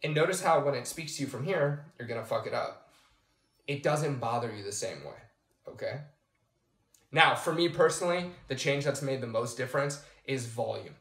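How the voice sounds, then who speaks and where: Man, coach, calm, explanatory, talks to camera, medium pitch, echoey room. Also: normal speed. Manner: calm, explanatory, addresses the viewer directly with "okay?". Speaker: personal development coach. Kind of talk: instructional talk to camera. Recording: roomy echo.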